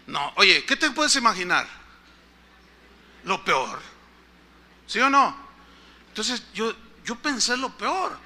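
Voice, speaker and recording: A man's voice: high-pitched, big pitch swings, slow pace, pauses often, pushed and bright, slight background noise. A man with a Mexican accent preaching a conversational storytelling sermon, often asking the congregation questions. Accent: Mexican Spanish. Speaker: pastor.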